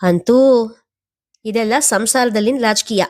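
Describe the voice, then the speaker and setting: A woman's voice: on the high side, unhurried, lightly acted. A woman voicing a blunt young man who questions his mother's demand for money. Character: blunt skeptical young man, her son.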